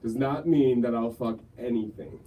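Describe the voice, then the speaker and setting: A man's voice: medium pitch, normal speed, dark tone, recorded from a distance. A man co-hosting a podcast, bantering casually in brash, profane slang. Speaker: podcast co-host. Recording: noisy room, off the mic.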